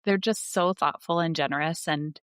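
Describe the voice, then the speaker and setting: A woman's voice: deep voice, normal speed, clear, resonant tone, no echo, clean studio sound. A woman school librarian talking earnestly in a casual conversation, with many fillers and restarts. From United States.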